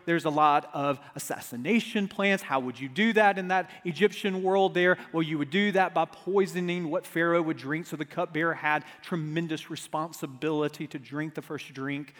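A man preaching a Bible teaching sermon at a pulpit microphone, emphatic, with dramatic pauses, repeated phrases and rhetorical questions. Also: fairly high pitch, a bit bright. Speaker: pastor preaching to a congregation. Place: large, reverberant church hall. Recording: echoey large hall through pulpit microphone.

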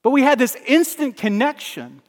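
A man's voice: extremely high pitch, normal speed, big-room sound. A man from Alabama, a pastor, preaching a sermon with emphatic swells and drops in volume.

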